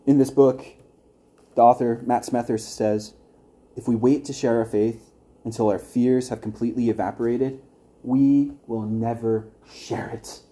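A man's voice: medium pitch, fairly even intonation, unhurried, dark tone. A young man teaching an evangelism class at church, earnest and conversational, with wry asides to his listeners.

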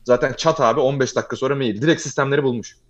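A young man telling a long personal story in casual chat, fast and animated, often calling the listener "abi". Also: medium pitch, lo-fi sound.

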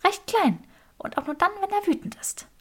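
A woman reading a clever, composed young witch in a brisk, matter-of-fact way. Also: very high-pitched, animated, a bit bright, pitched above the performer's own voice.

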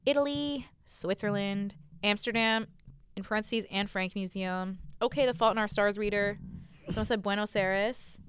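A young American woman hosts a casual podcast chat. Her voice is clean and smooth, picked up very dry. She talks informally, with slang and lots of "like". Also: mid-range voice, moderate pace, dry recording. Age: young adult. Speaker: podcast host.

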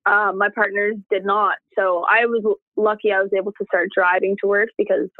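A woman tells her story in a casual, chatty way and acts out the words people said. The sound is dry and tinny, like a phone call. Her pitch sits in a middle range. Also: flat delivery, brisk, no room sound. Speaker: interviewee. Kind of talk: casual conversation.

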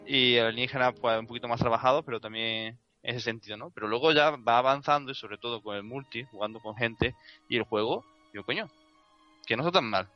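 A man's voice: medium pitch, dull audio. A man giving his frank, blunt opinion on a game in casual chat, swearing freely. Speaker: podcast co-host.

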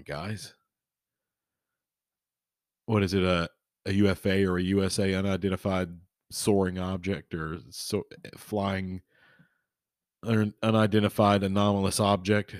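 Low-voiced man, rambling podcast host. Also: fairly even intonation, unhurried, pauses often, no echo, studio quality. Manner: rambling, informal, chummy address to listeners. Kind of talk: casual solo podcast talk.

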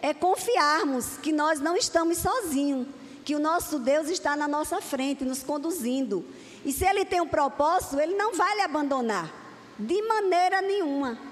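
High pitched lady preaching a sermon, earnest, lots of hall reverb. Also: lively intonation, normal speed. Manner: earnest, repetitive preaching cadence. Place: church hall.

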